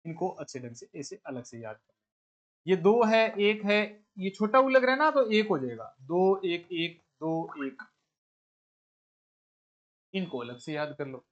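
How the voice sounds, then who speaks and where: A male teacher with a fairly high voice leads an exam-prep lesson on verse meter. He puts a question to the class, repeats it, and answers it himself. He counts out beats one by one in a steady drilling rhythm. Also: slow, pauses often, lo-fi sound. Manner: counts syllable beats aloud step by step. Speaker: Hindi teacher.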